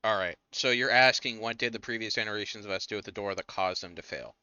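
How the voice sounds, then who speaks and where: A man's voice: lowish voice, fast, bright, forceful tone, smooth, no echo. A man running a tabletop game as game master, chatting casually and narrating scenes, in a slightly dull recording.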